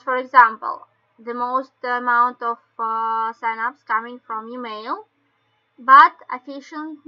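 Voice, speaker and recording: A woman with a Russian accent explains things step by step in halting non-native English, like an informal online training session. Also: on the high side, pushed and bright. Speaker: webinar presenter. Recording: dull lo-fi webinar call audio.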